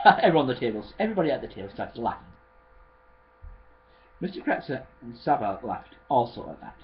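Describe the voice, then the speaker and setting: A man retells a story in a casual way, stopping to correct himself and starting lines over. His pitch sits in the middle but swings widely. The recording sounds slightly dull, with a faint hum underneath. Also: sing-song. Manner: halting, with many restarts and self-corrections.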